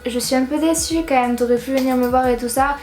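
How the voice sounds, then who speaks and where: A teenage girl from southern France talks through her purchases in a loose, rambling way, slangy and full of fillers. Her voice sits high, and the room is echoey. Faint music plays behind her. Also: steady tone, quick pace, darkish tone. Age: teens. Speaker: YouTuber. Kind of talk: casual haul vlog.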